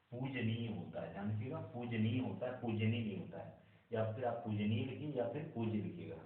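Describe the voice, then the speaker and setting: A man teaching Hindi spelling as a lesson, drilling right and wrong forms of words and often telling students to keep them in mind. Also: mid-range voice. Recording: echoey, distant, phone-like sound.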